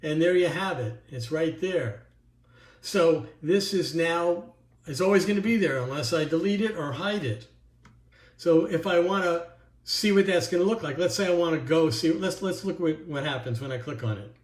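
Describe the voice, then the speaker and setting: Man, fairly high voice, workshop presenter, casual screen-share walkthrough, ums and restarts, echoey room. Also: moderate pace. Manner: casual, talks while clicking through screens, frequent ums and restarts. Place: indoors at a computer.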